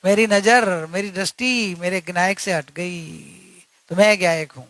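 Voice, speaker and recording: A man's voice: high-pitched, measured pace, a bit bright, no echo. A man giving an earnest religious discourse, repeating key points and asking rhetorical questions. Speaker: spiritual teacher.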